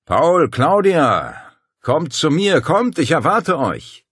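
A man voicing a tall, bearded mountain hermit who calls out in a hollow, booming voice and teases with glee. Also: very animated, slow pace, a bit bright, husky, no room sound, clean studio sound, full character voice. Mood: eerie calling. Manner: booming, teasing, delighted with his own trick.

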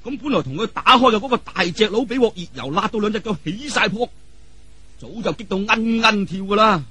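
With no room sound behind him, a man with a high, sharp, breathy voice narrates fairly quickly and with lively intonation. He tells a martial arts tale in Hong Kong or Guangdong Cantonese, in a theatrical, colloquial traditional style rich in vivid exclamations and spoken sound effects.

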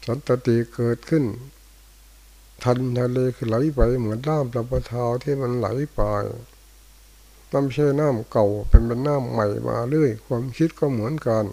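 Older man, monk's dharma talk, gravelly, mellow tone, short phrases with pauses. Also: mid-range voice, poor audio. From Thailand. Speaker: monk teacher. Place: monastery hall after morning chanting.

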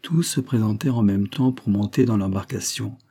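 A man narrating a Victorian novel in a steady, measured way. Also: on the low side, breathy edge. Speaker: audiobook narrator. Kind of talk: scripted narration.

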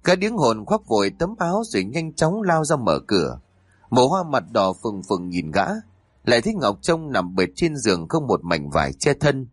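A man narrating a folk tale in a dramatic, expressive storytelling style. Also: medium pitch, normal speed, husky, dry recording, studio quality.

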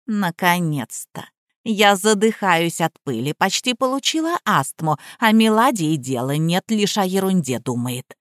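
A woman's voice: on the low side, sing-song, unhurried, no echo, clean studio sound. A woman voicing an elderly, domineering mother-in-law who speaks in a cloyingly sweet, commanding way. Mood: haughty.

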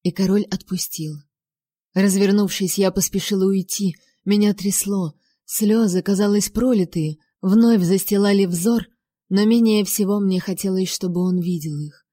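A woman reading a first-person story aloud in steady, emotive narration. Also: medium pitch, moderate pace, dry recording, clean studio sound. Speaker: audiobook narrator.

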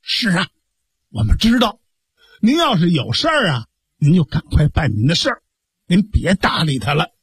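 A man's voice: fairly high pitch, big pitch swings, normal speed, pauses often, breathy edge, no echo, studio quality, full character voice. A man playing chatty old Beijing neighbors. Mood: coaxing. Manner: gossipy, coaxing, colloquial. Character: old male village neighbors, chatty and scheming. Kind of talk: storytelling radio performance.

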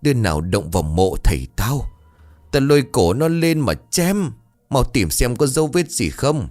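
A man's voice: sits low, very animated, moderate pace. A man voicing a furious, grieving middle-aged village lord who gives harsh, teeth-gritted commands.

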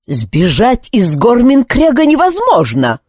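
A woman's voice: fairly low pitch, huge pitch swings, normal speed, mellow, breathy edge, dry recording, studio quality, full character voice. A woman reading the part of a mocking male commander who taunts a boy prisoner. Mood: shouting. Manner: taunting, sneering.

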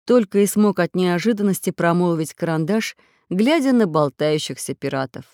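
A woman narrating a children's audiobook with animated storytelling. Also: on the low side, moderate pace, no echo, clean studio sound. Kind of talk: expressive children's story reading.

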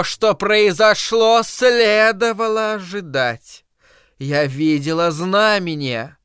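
A man voicing a fanatical old woman who preaches doom in a slow, drawn-out, shrill way. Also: a bit bright, clear, resonant tone, dry recording, clean studio sound. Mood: preaching.

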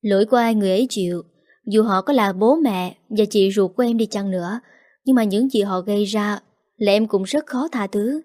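A woman's voice: mid-range voice, a little fast, warm tone, close to an everyday voice. A woman voicing an injured young man who earnestly soothes and reassures his older sister. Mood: firm.

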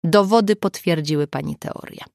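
A woman's voice: deep voice, moderate pace, creaky, no echo. A woman reading the lines of a male police officer who talks in a dry, matter-of-fact, ironic way. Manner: reproachful, dryly ironic.

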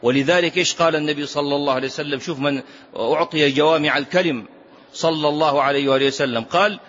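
A man's voice: a little high, steady tone, fast, fairly bright tone. A man teaching a religious lesson on a classical text. He repeats key phrases for emphasis and asks his listeners rhetorical questions. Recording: dull lo-fi lecture recording.

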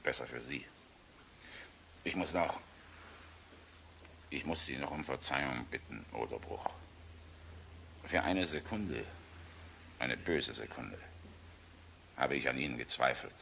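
An actor playing a proud, weary, sardonic middle-aged air force general in a radio play, commanding and grave, with deliberate pauses. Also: male voice, extremely low pitch, expressive, vocal fry, sharp tone, slight background noise, full character voice. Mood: grave, subdued. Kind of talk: German radio play acting.

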